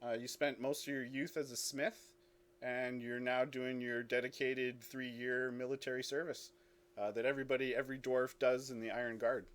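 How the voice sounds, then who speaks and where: A man's voice: mid-range voice, flat delivery, moderate pace, a bit bright, a little hiss or hum. A man running a tabletop game as game master, reading character intros with casual asides and small restarts.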